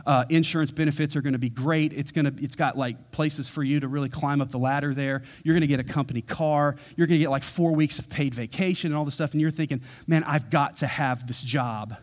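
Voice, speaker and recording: A middle-aged man preaching through scripture in a loose, chatty style, slipping into casual voices for the people in the story. His voice sits a bit high for a man. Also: fairly even intonation, quick pace, hardly any pauses, a little mellow. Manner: conversational, acts out quotes in casual voices. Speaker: pastor. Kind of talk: expository sermon.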